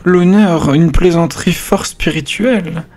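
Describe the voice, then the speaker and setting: A man's voice: a little high, faint music behind. Man reading fawning, mock-admiring poets. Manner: slow, drawn-out flattery.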